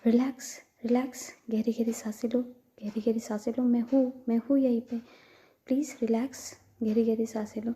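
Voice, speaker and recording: A woman voicing a gentle young woman who soothes her partner in a soft, coaxing, affectionate way, in a storybook reading. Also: fairly high pitch, level tone, moderate pace, close to an everyday voice. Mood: calming.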